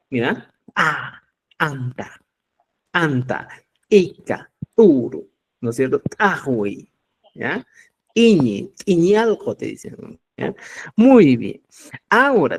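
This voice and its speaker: Peruvian man, online language teacher, patient demonstrator, very animated intonation. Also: a little high. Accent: Peruvian Spanish. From Cusco, Peru. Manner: explanatory, checks in with listeners; demonstrates sounds slowly. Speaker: Quechua teacher. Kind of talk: live online language class.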